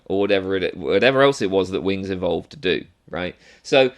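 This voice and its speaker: A man with a very deep, low-pitched voice talks through a philosophy topic as a solo lecture. He thinks aloud, restarting phrases and checking in with a rhetorical question as he goes. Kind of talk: explanatory lecture monologue.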